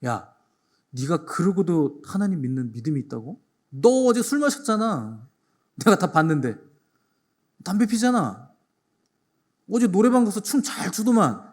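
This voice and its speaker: A man's voice: sits high, sing-song, moderate pace, pauses often. A male pastor voicing a devil who whispers mocking accusations at a churchgoer. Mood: taunting. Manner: taunting, mocking.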